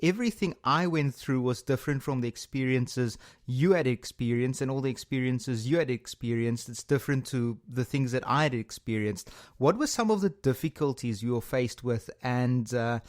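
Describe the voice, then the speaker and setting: A man's voice: medium pitch, moderate pace, few pauses, darkish tone. A South African man hosting a podcast interview, speaking in a formal, wordy, carefully phrased way. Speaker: podcast host.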